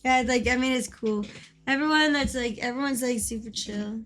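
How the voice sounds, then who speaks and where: A woman with a hoarse voice, chatting casually and excitably on a game stream, repeating phrases as she goes. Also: a little high, normal speed. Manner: swears casually. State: hoarse from coughing. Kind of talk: casual live-stream chat.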